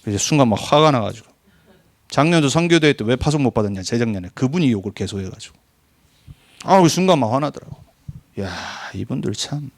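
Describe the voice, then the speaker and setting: A man preaching a Sunday sermon as pastor, speaking earnestly and exhorting his congregation, his pitch jumping up on stressed points and closing in prayer. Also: lively intonation, a little fast.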